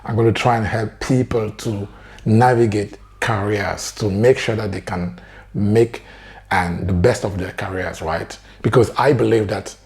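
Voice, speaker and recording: A native French speaker with a French accent talks earnestly to camera as a career coach, often tacking on "right?" in his advice. His voice is fairly low and fairly even, a little slow, creaky and a little mellow.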